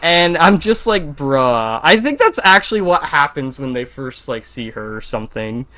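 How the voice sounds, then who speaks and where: A man's voice: fairly high pitch, normal speed, bright, forceful tone. Rambling man with a slight lisp. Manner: rambling, many restarts and fillers. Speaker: podcast co-host. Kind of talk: casual podcast chat.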